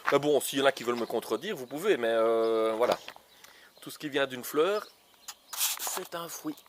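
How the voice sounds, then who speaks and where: A man's voice: mid-range voice, lively intonation, normal speed, background noise. Playful man planting his vegetable garden. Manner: playful, teasing guessing games, many fillers. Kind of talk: casual gardening show for children. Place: outdoor garden.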